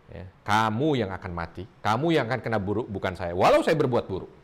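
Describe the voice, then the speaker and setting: A man voicing a spiteful, hypocritical woman who mutters scornfully in a lowered voice. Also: sing-song, a little fast.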